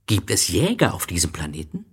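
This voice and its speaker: A man voicing a wise, gentle fox in an audiobook reading, explaining things patiently and with a wistful tone. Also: deep voice, wildly swooping pitch, fairly quick, slightly rough, full character voice.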